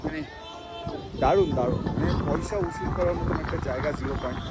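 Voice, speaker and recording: Bengali guy vlogging up on a snowy pass, out of breath, talking slow, wind roaring on the mic. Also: on the high side. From Bengal, India. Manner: talks slowly to save breath, excited exclamations. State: short of breath at high altitude, dry throat. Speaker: travel vlogger. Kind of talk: casual vlog walk-and-talk. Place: outdoors on a snowy mountain pass. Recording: wind noise on the mic outdoors.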